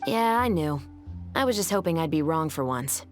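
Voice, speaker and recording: Level-headed police captain. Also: female voice, sits low, lively intonation, normal speed, faint music behind. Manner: level, matter-of-fact. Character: calm, principled female police captain. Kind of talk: game cutscene dialogue and story retelling.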